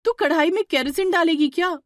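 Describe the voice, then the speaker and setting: A woman voicing a bossy elder sister-in-law in a cartoon story, loud and exasperated as she scolds. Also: high-pitched, expressive, quick pace, no room sound, studio quality, voice pushed up. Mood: scolding.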